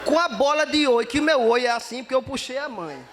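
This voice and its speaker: A man telling a story in stand-up comedy, lively and acting out the dialogue. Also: extremely high pitch, fairly quick, background noise.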